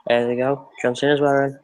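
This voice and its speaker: Man, mid-range voice, rambling and easygoing in a relaxed live-stream chat. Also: medium pitch. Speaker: co-host of a live reaction stream. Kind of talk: casual chat.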